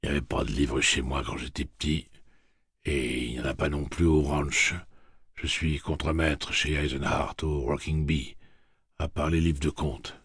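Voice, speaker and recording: A man's voice: a bass voice, flat delivery, normal speed, fairly bright tone, husky, dry recording, clean studio sound, exaggerated voice. A man voicing a middle-aged ranch foreman who speaks earnestly and a little apologetically.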